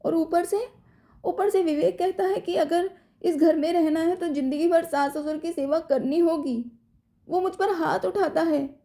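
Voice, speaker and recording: A woman's voice: sits high, expressive, normal speed, pitched above the performer's own voice. A woman playing a defiant young wife. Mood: tearful. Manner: sharp, defiant, later tearful. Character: angry stubborn young wife.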